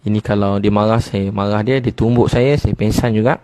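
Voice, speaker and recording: A middle-aged man with a Malaysian Malay accent preaches a humorous sermon to his congregation, telling stories with animation and slowly chanting some phrases in a sung tone. His voice is lowish, steady, a little mellow and smooth, with no echo.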